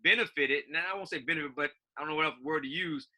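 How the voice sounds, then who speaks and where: Bright-voiced laid-back coach. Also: male voice, a little high, very fast. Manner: easygoing, laughs often, restarts phrases. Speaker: basketball coach co-host. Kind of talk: casual chat.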